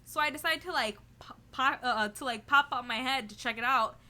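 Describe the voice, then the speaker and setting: A woman's voice: sits high, brisk. A young woman casually telling a story to the camera as a vlogger, filling it with "like" and "you know" and laughing as she goes. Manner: chatty, heavy on "like" and "you know"; giggly, animated retelling.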